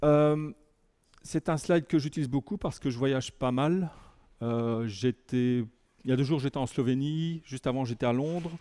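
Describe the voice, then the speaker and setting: Belgian man, border accent, mellow mid-pitched voice, halting presenter with self-deprecating asides. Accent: Belgian French, from near the French border by Lille. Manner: hesitant, many fillers and restarts, self-deprecating asides. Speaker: conference speaker. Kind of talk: tech talk to a live audience. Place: meeting room with an audience.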